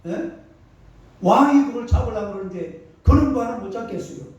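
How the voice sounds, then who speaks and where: A man preaching a sermon as pastor, lively and colloquial, constantly prompting the congregation to answer. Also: very high voice, normal speed. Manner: animated call-and-response preaching, colloquial and emphatic. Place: church sanctuary. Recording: distant, echoey, dull church recording.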